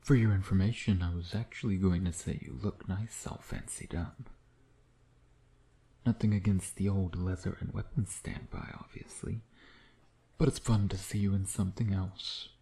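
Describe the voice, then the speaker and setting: With a low, dark, steady voice at a moderate pace, a man voices a teasing, self-satisfied vampire hunting his listener in close-up ASMR roleplay. He flirts sardonically and frequently slips into breathy murmurs.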